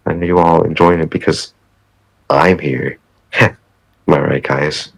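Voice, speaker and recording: A man talking as a podcast guest, hesitant and halting, laughing often. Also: rumbling low, steady tone, gravelly, no room sound, rough recording. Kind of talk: casual podcast chat.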